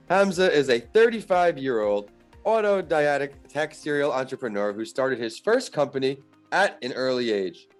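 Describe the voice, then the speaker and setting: A man hosts an interview show, delivering a scripted introduction in a steady, announcer-like way before questioning his guest. Faint music plays behind him. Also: mid-range voice. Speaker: podcast host.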